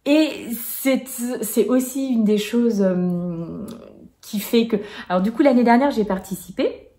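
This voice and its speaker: A woman's voice: fairly high pitch, slow pace, warm tone. A woman vlogger chatting casually at home, hesitant and full of filler sounds. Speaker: knitting vlogger. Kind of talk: casual chat.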